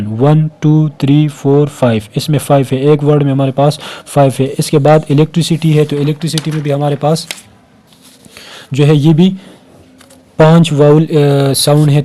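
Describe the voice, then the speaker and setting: A man's voice: a little high, warm tone. A male teacher giving a recorded grammar lecture, explaining step by step and repeating words while counting their syllables, with frequent "uh" fillers and English terms mixed in. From Pakistan.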